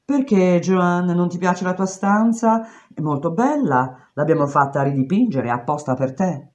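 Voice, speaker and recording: A woman reading aloud voices a wrinkled, condescending older prison matron who speaks slowly and with false sweetness, on a dull lo-fi recording. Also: fairly low pitch, lively intonation, darkish tone. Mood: patronizing. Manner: slow, falsely sweet, patronizing.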